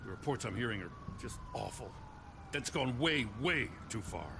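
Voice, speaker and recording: A man's voice: mid-range voice, animated, moderate pace, gravelly, noisy background. A man playing a weary, conscientious, frustrated police officer in a dramatic video game. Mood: troubled, frustrated.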